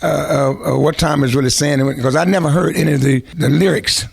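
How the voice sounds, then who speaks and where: This older man, a veteran musician, speaks briskly with fairly even intonation in a somewhat high, creaky, slightly rough voice. In an interview, he tells long rambling stories peppered with restarts and asides.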